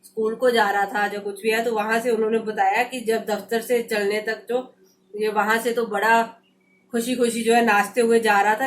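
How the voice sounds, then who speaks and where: A woman's voice: a little high, a little hiss or hum. A woman teacher explaining a textbook story, retelling each passage in loose everyday speech with many fillers.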